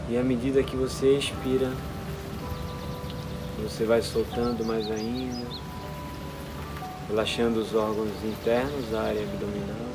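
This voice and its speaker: A man with a Brazilian accent leading a guided relaxation meditation, speaking calmly and soothingly in short, spaced-out instructions. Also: mid-range voice, a little slow, long pauses. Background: music behind the voice.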